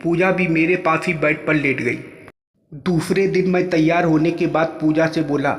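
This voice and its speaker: A man telling a first-person story in plain, steady narration. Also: on the high side, normal speed. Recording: echoey room with long reverb.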